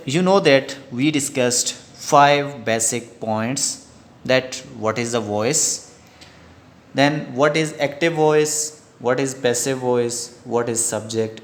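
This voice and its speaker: A man with a Pakistani English accent giving a recorded grammar lecture, repeating each key sentence twice. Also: medium pitch.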